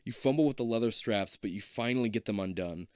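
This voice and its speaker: A man's voice: fairly low pitch, fast talker, no room sound, studio quality. Casual man reading a gamebook aloud. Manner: casual, with joking asides. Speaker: reader.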